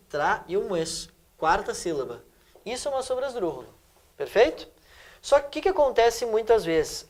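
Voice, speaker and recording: A teacher works through exam answers. He keeps checking that his students follow along. His delivery is lively and animated. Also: sits high. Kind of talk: exam-prep lesson.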